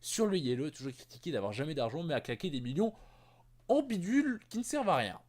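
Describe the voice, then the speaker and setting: A man's voice: on the high side, sing-song, fast, a little mellow. A man playing a rambling joking field reporter. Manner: stumbling, self-correcting, joking asides. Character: chatty male field reporter, jokey and rambling. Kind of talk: amateur gaming news report.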